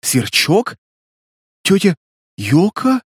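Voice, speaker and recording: A man voicing a young girl, loud and indignant, in a storybook reading. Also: sits high, lively intonation, normal speed, breathy edge, no echo, clean studio sound, pitched above the performer's own voice. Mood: stunned.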